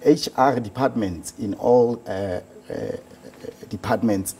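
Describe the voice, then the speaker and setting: A man with a South African Sotho accent answers interview questions haltingly, repeating words and stuttering. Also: fairly low pitch, mellow. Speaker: organisation founder being interviewed. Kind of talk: studio news interview answers.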